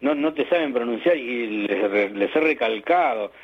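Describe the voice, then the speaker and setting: Man, Argentine accent, guest teacher, emphatic, husky, muffled lo-fi sound. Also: mid-range voice, animated, measured pace. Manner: didactic, emphatic, with hesitant restarts. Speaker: guest, journalism teacher and author. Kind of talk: interview over the radio.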